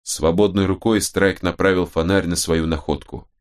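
Deep-voiced male audiobook narrator. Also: steady tone, moderate pace.

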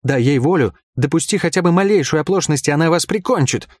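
A man voicing a sharp-tongued, scornful young woman in an audiobook, talking in a scolding, mocking way. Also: fairly high pitch, animated, a little fast, no echo, voice pushed up, natural voice. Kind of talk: audiobook character voice.

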